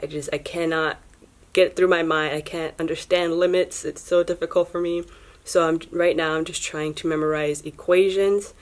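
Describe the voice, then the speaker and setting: Young woman, low-pitched, chatty college vlog, self-deprecating, laughs a lot, phone held at arm's length. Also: steady tone, moderate pace. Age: young adult. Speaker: vlogger. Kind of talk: casual vlog chat. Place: small dorm room indoors. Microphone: phone camera at arm's length.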